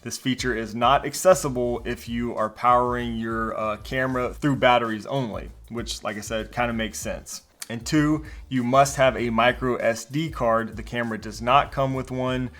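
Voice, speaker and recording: A man's voice: medium pitch, fairly even intonation, moderate pace, few pauses, a bit bright. A man giving a casual walkthrough review of a video doorbell, explaining features with the odd filler word. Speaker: tech product reviewer.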